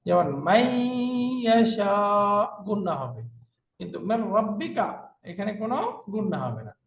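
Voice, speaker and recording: A male Arabic teacher with a Bangladeshi Bengali accent giving a classroom lecture, slowly repeating terms and asking rhetorical questions. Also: high-pitched, very animated, vocal fry. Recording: echoey room, far from the mic, faint noise.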